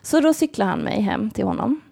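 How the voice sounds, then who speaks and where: A woman's voice: medium pitch, expressive, creaky, warm tone, slightly rough. A woman in casual conversation, animatedly telling a story and laughing often. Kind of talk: casual chat.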